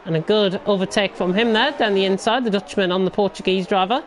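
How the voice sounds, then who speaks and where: Live commentary of an online league motorsport race comes from a woman with a mid-range voice who talks fast, calling the racing as it happens. There's clear background noise in the recording.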